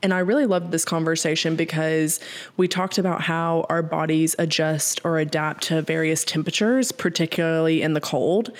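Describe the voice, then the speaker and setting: A woman podcast host explaining how the body regulates weight, step by step, who trips over long words and laughs it off. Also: low-pitched. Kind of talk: casual explanatory podcast talk.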